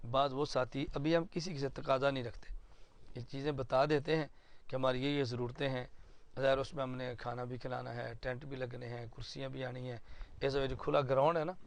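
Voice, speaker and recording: A man's voice: medium pitch, gravelly. A man, an Islamic cleric, gives an earnest, explanatory address to supporters at an indoor planning meeting and illustrates his points with stories.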